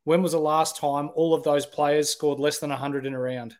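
An Australian man chats as co-host of a sports podcast. His voice is a little high for a man, and his delivery is informal. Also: fairly even intonation, normal speed. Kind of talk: casual sports podcast chat.

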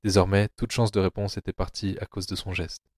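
A man reads a novel aloud as an audio drama in a very low, steady voice. The recording is close and dry, with no room sound. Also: brisk, dry recording. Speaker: narrator.

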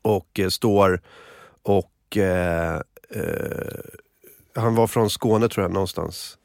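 A man's voice: low-pitched, creaky, a little mellow, no room sound, studio quality. A man co-hosting a casual morning podcast, rambling through anecdotes with lots of fillers and swearing. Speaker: podcast co-host.

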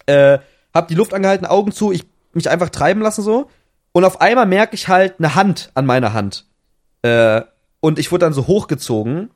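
Young man, casual chat, slangy, restarts, higher-pitched, podcast mic. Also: lively intonation, normal speed. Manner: slangy, restless retelling with many restarts. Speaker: podcast co-host.

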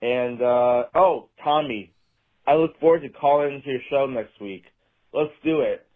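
A man's voice: mid-range voice, measured pace. A man leaving a voicemail for a sports show, ranting casually with a lot of swearing and rambling. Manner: profane, exasperated, rambling. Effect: played voicemail message. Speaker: voicemail caller. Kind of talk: casual rant. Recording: tinny phone voicemail.

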